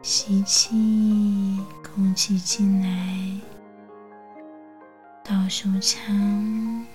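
A woman narrating a guided bedtime relaxation like a sleep story narrator, in a soothing, hushed, breathy near-whisper with long pauses. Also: medium pitch, level tone, faint music behind. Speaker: host of a bedtime relaxation show.

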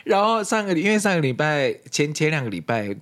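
A man's voice: fairly high pitch, fast. A man co-hosting a casual podcast chat, telling stories animatedly and acting out the dialogue. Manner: animated storytelling, acting out quoted dialogue, frequent laughter. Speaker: podcast co-host.

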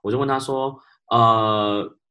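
A man co-hosting a podcast, telling work stories in a casual chat. He is animated, laughs often and drops English words into his speech. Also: medium pitch, takes it slowly. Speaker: podcast co-host.

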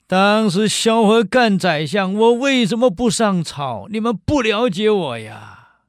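A man's voice: high-pitched, animated, a little slow, no room sound, studio quality, pitched above the performer's own voice. A man voicing a grieving ancient statesman who pleads, drawn out and wailing, to be understood. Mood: wailing grief. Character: grieving ancient male statesman, loyal and earnest.

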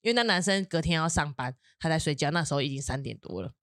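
A young woman, co-hosting a podcast, telling a personal story in an animated way and breaking into high laughing bursts. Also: fast, dry recording, clean studio sound. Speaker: podcast co-host. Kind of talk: casual storytelling chat.

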